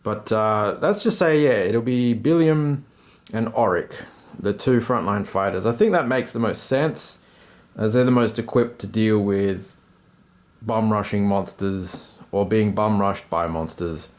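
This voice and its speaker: A man's voice: lowish voice, unhurried, a little mellow. A man giving casual running commentary as he plays a tabletop game alone, with slangy, self-deprecating asides. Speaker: host and player of a solo tabletop game.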